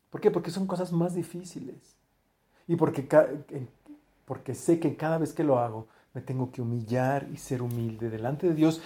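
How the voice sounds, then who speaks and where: Male pastor, mellow tone, talky sermon delivery that trails off softly at phrase ends. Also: fairly high pitch. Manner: conversational, restarts phrases, voice often drops to a quiet close.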